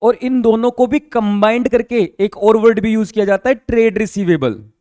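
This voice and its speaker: High-voiced man teaching accounting, dry sound. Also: normal speed, a little mellow, dry recording. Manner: explains patiently, repeats key terms, quizzes listeners with checking questions. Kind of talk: classroom lecture.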